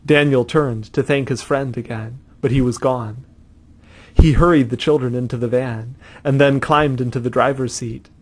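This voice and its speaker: A man reads a story aloud, measured and steady. His voice sits at a middling pitch and keeps an even pace. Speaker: narrator. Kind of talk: scripted story narration.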